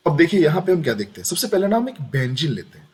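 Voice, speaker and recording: Chatty Hindi chemistry teacher, higher voice. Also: male voice, big pitch swings, fast, a little mellow. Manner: chatty, repeats questions to students, frequent "dekhiye". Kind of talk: screen-recorded lesson.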